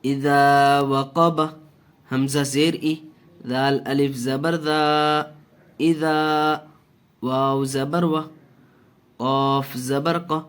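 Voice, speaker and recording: A man teaching Quran reading, spelling out syllables slowly and deliberately, with short asides to viewers. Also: mid-range voice. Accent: Indian Urdu-Hindi. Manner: slow, deliberate syllable-by-syllable drilling, even tone. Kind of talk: spelling-out Quran recitation lesson.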